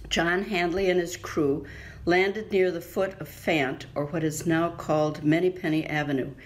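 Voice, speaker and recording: Lady historian w a low voice reading her talk, steady and measured. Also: rough recording. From United States. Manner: measured, informative, reading from a prepared text. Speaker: local historian and author giving a talk. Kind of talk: read-aloud slideshow history presentation.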